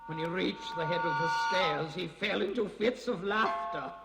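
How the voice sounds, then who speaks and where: Echoing, spooky male storyteller over loud music. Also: high-pitched, moderate pace, vocal fry. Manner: spooky theatrical delivery, swinging from hushed to urgent. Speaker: narrator of ghost tales. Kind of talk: dramatic scripted storytelling for a ghost tour record. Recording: reverberant hall sound with loud music behind.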